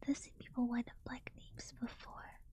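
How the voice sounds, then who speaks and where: A sleepy woman whispering softly as she chats with her stream and reads a book aloud. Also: fairly high pitch, little pitch movement, moderate pace, husky. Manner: soft unvoiced whisper throughout. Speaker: livestream host. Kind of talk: whispered casual stream chat and reading aloud.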